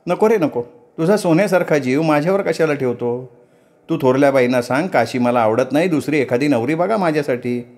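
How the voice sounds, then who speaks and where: A man doing a defiant, sharp-tongued young village woman. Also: on the high side, a little fast, lightly acted. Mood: pleading. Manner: defiant, mocking.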